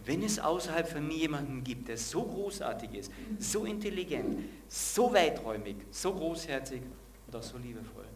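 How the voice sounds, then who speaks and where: A man's voice: fairly high pitch, sing-song, normal speed, slight background noise. A man preaching a sermon and asking the congregation direct questions.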